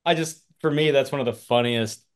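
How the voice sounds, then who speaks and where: A man co-hosting an anime rewatch show, musing in a relaxed way and hedging his points. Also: mid-range voice, a little fast. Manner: relaxed, musing, trails off with hedges. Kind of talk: casual reaction chat.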